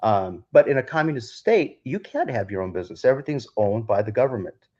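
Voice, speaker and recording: A man's voice: mid-range voice, sing-song, fairly quick, darkish tone. A man from Ukraine, a DJ guest on a podcast, telling a long story in a rambling way with many restarts. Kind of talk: casual storytelling interview. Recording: dull lo-fi sound.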